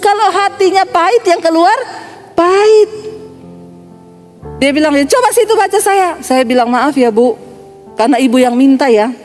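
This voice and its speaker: This high-pitched sermon comes from a middle-aged Indonesian-accented woman pastor who tells it like an animated story, repeatedly calling her audience "Saudara."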